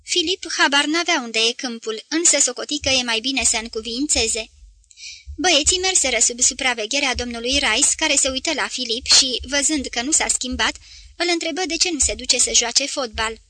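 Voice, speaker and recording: A woman narrating a novel as an audiobook reader, in an even, measured reading. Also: high-pitched, no echo. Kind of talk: scripted literary narration.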